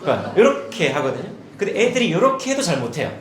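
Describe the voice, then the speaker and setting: A man in his forties presents to parents in a seminar hall, his slightly high voice rising and falling with animated emphasis. He demonstrates drills as though coaching children. The sound carries a roomy echo with faint background noise. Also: fast. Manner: demonstrative, switches into a lively teacher voice for children. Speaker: education director presenting to parents.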